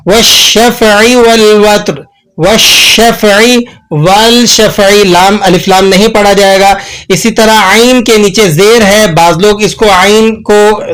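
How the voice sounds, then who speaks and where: A man teaching Quran recitation rules, explaining patiently and repeating words to show the right and wrong way to say them. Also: sits high. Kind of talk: tajweed lesson.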